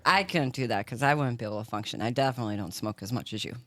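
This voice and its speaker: A man's voice: medium pitch, very fast, fairly bright tone. A man hosting a casual podcast chat, full of teasing, joking banter.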